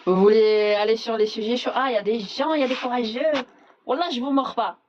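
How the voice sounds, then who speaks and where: A woman's voice: a little high, brisk, darkish tone, lo-fi sound, slight background noise. A woman hosting a casual live chat, talking bluntly and sarcastically, dropping Arabic phrases into her speech. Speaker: livestream host.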